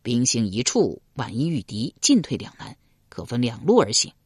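A woman voicing a grave, dignified ancient king who speaks slowly and solemnly in a storybook reading. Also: rumbling low, very animated, husky, dry recording, studio quality, pitched below the performer's own voice, heavily acted. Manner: slow, measured, solemn.

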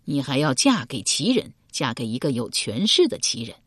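A woman reading an audiobook voices a shrewd, calm middle-aged male chancellor, measured and authoritative. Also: very deep voice, slightly rough, no room sound, clean studio sound, exaggerated voice. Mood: advising. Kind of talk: audiobook character voice.

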